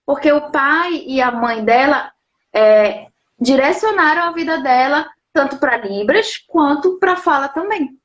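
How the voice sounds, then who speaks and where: This high-pitched, animated woman is a lawyer and sign language interpreter, speaking at a measured pace as she explains things patiently during a live interview at home. She frequently adds small tag questions to check in. The recording is muffled.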